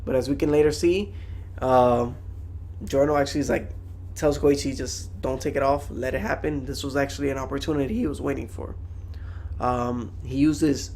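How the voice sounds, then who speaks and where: A man's voice: medium pitch, steady tone, normal speed, darkish tone, slight background noise. A young man giving a casual, slangy, rambling anime review to viewers.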